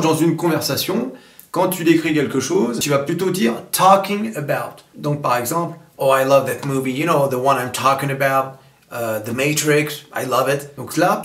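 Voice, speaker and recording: A man giving a casual English lesson, speaking in a relaxed way with many fillers and switching into English example sentences. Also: on the high side, roomy sound. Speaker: English teacher.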